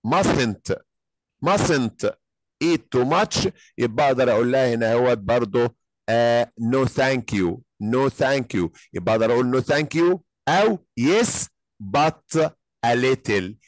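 A man with an Egyptian Arabic accent teaching an English lesson, drilling phrases slowly, then explaining quickly. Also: medium pitch, no echo.

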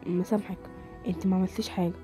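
A woman with an Egyptian accent voicing a young husband in a hushed, flat, quiet manner. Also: fairly low pitch, racing, faint music behind, pitched below the performer's own voice, close to an everyday voice. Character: young husband, calm and low-voiced.

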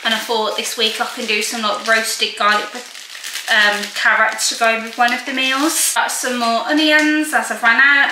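A young woman chatting casually to camera in her home kitchen, showing her groceries one by one. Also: a little high. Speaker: lifestyle vlogger. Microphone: camera on a counter in front of her. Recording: echoey kitchen with noise.

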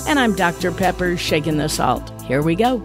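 An older woman hosting a ministry podcast, telling a personal story in an animated, conversational way. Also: on the low side, normal speed, music in the background.

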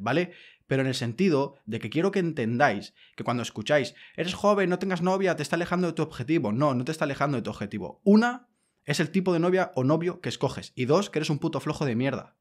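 Guy from ranting on his podcast, blunt, swears a lot, pushy and emphatic. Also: mid-range voice. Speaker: podcast host. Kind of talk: casual monologue.

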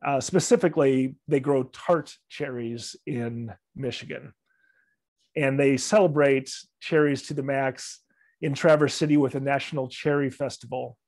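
Speaking through a video call webcam, this library travel club presenter, a middle-aged man, gives a slide-based travel talk that is friendly and loose, full of fillers and restarts. His mid-range voice is fairly even, a little slow and a little mellow. The recording is dry.

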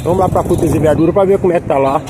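A Northeastern Brazilian man with a high-pitched voice vlogs casually outdoors. He talks in a folksy, repetitive way as he tours a market, with clear street noise around him. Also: racing. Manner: folksy, repeats his phrases. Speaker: vlogger touring a street market. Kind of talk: casual vlog chat with stallholders. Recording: noisy outdoor street with traffic.

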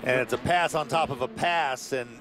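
A man giving color commentary at a race, explaining incidents in a measured way. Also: mid-range voice, noisy background. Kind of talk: motorsport analysis commentary.

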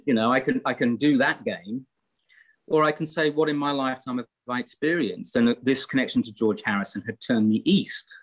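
A man's voice: mid-range voice, a little fast. A middle-aged English man on a video call from home, talking in a reflective, rambling way with many fillers and restarts. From England. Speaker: guest musician. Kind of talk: casual interview chat. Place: home room in Greece, indoors. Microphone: laptop webcam on a video call.

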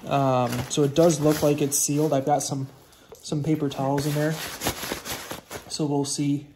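Casual man reviewing gear, fairly high voice. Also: measured pace, a little hiss or hum. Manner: relaxed, many ums, shows items while talking. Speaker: volunteer ski patroller. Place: snowy outdoor deck, then indoor garage.

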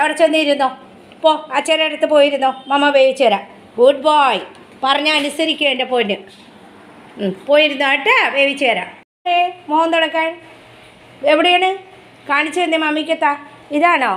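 A woman, filming at home on a phone and talking to her pet dog in fond, sing-song baby talk. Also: high voice. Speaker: pet vlogger. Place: home indoors.

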